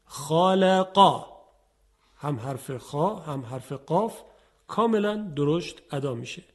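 A man teaching tajweed, explaining and slowly drawing out Arabic letters, speaking politely and formally to viewers. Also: a little high, expressive, warm tone, slightly rough. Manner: slow, drawn-out demonstration of letters. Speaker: Quran recitation teacher. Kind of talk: teaching Quranic tajweed pronunciation.

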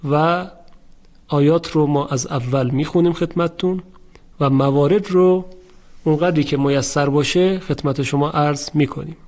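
Male recitation teacher, somewhat high-pitched, measured and patient, slows down to show each word. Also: darkish tone. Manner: measured, repeats words slowly to demonstrate. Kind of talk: recitation lesson, explaining rules and chanting verses.

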